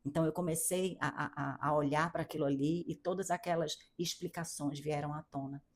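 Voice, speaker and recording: A woman's voice: sits low, steady tone, a little fast. A middle-aged woman with a Brazilian Portuguese accent giving an earnest, emphatic motivational talk to women, repeating phrases and restarting often. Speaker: coach for women.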